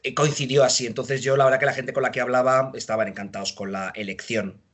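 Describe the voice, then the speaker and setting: A man in his thirties telling lively, self-mocking anecdotes in a casual interview. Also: mid-range voice, fast. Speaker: judge.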